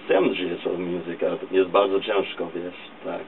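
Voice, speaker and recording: In a small radio studio, a musician guest aged 20s to 30s, whose first language is English, speaks in a steady, low voice but halts, gropes for words and slips in English during a casual interview. It's captured on a distant, dull, lo-fi camera with clear noise.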